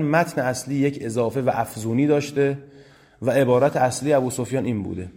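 A man lecturing on religious history at a middle pitch. He recites classical Arabic quotations slowly and deliberately, then switches to brisk, conversational Persian to explain them to his listeners. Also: darkish tone.

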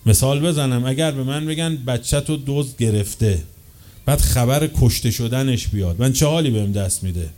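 A man preaching a sermon with passion, swinging from loud, slow declaiming to quick, quieter asides. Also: mid-range voice, slight background noise. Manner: chants quoted chains of narrators slowly.

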